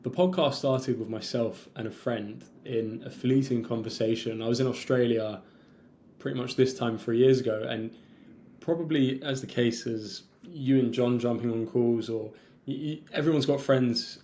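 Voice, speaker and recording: Mellow-voiced young man telling his story. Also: mid-range voice, moderate pace. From London. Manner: fluent storytelling, occasional throat clearing. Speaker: podcast guest, entrepreneur. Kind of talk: casual interview chat.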